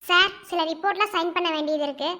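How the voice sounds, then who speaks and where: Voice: very high-pitched, fast talker, sharp tone. A performer voicing a firm hospital nurse in a cartoon, scolding visitors. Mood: stern. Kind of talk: cartoon voice acting.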